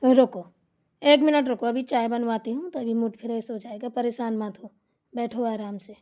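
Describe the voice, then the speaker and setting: A woman voicing a bossy, scolding older mother-in-law in a cartoon comedy, shrill and insulting. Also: fairly even intonation, moderate pace, dark tone, lightly acted. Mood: soothing.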